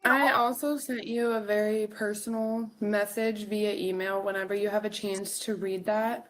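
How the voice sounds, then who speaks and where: A woman's voice: medium pitch, fairly even intonation, normal speed, a bit bright, a little hiss or hum, low-quality recording. A woman student speaking up casually to her instructor during an online class. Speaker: nursing student. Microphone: video call.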